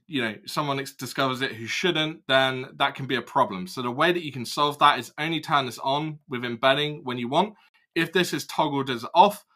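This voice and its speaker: A young man casually walking through a software demo, explaining each step as he clicks. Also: mid-range voice. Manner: casual, explanatory, thinks aloud while clicking. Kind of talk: screen-recorded product walkthrough.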